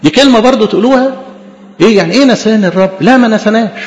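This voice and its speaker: A man's voice: high voice, rapid-fire. A man with an Egyptian Arabic accent preaching an impassioned sermon, calling his listeners beloved. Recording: dull lo-fi recording with long reverb.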